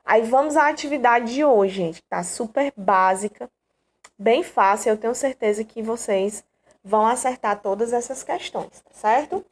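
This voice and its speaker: A woman's voice: on the high side, moderate pace. A woman from Brazil teaching an online grammar lesson, explaining patiently and checking in with her students often.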